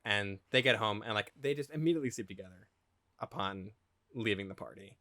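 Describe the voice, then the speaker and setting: Bright, dry-sounding man recapping a movie. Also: lowish voice, brisk, no room sound. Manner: loose, wry recapping with "like" and quoted lines. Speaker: podcast co-host. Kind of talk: casual film discussion.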